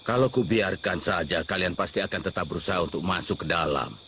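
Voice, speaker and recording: A man's voice: low voice, fast, a little hiss or hum. A man voicing a dutiful, easily flustered middle-aged gatekeeper in an amateur anime fan dub, speaking politely and hesitantly. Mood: resigned. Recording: lo-fi with background music.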